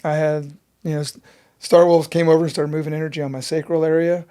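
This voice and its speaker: Earnest man with a flat, mellow voice. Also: fairly high pitch, fast, slight background noise. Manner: earnest, intense storytelling. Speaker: guest, breathwork teacher. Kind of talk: casual interview storytelling.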